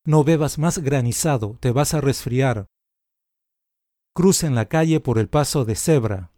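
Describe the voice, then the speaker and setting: A man reading short example sentences aloud for language learners, in a slow, deliberate, carefully enunciated way. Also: mid-range voice, mellow, no echo, clean studio sound. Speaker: language teacher.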